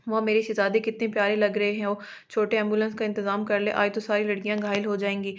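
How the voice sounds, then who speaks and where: A woman's voice: medium pitch, completely flat delivery, fast talker, natural voice. Teasing young brother, read by a woman. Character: playful teasing young man, cheerful brother. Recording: dull lo-fi audio.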